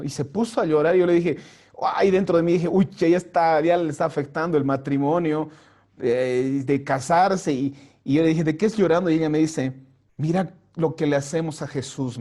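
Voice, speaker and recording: Male pastor, personal testimony, high and earnest, raises his voice when he acts out quotes. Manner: drops soft and slow for prayers. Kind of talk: personal testimony to a youth group. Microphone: home mic for an online vigil.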